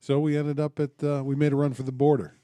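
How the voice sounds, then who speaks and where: Mellow-voiced man teasing on a podcast. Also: on the high side, flat delivery, quick pace, no echo. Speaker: podcast co-host. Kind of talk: casual chat.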